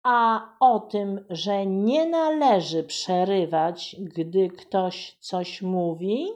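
A woman's voice: medium pitch, very slow, darkish tone. A woman voicing a friendly, patient male children's author who speaks mildly and a little hesitantly. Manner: mild, a bit hesitant.

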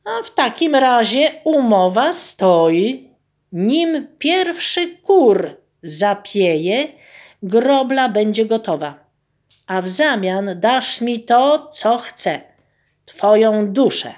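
A woman voicing a scheming devil disguised as an elegant gentleman, speaking slowly and mockingly. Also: a little high, very animated, exaggerated voice. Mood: sly.

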